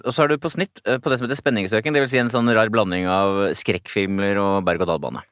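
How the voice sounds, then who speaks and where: Low-voiced man explaining results. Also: steady tone, a bit bright, clean tone, no room sound, clean studio sound. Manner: measured, explanatory, lists scores. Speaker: podcast co-host.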